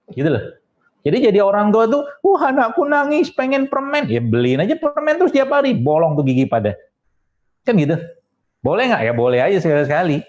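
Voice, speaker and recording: A man's voice: fairly high pitch, darkish tone. Chatty male preacher with a lilt. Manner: chatty and humorous, with sound effects and asides. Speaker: preacher and doctor giving a health talk. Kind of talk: religious study talk to an audience. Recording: dull lo-fi recording.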